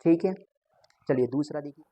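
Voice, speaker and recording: A man's voice: on the high side, normal speed, dry recording, highs cut off. A man teaching a grammar class to students, patiently going over each point again and again. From India.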